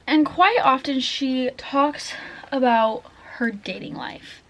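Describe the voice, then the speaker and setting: A woman's voice: sits high, takes it slowly, a bit bright. A nineteen-year-old woman vlogging casually at home about her reading, chatty and full of "like" and "literally". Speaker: book vlogger. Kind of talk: casual vlog chat. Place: at home, indoors.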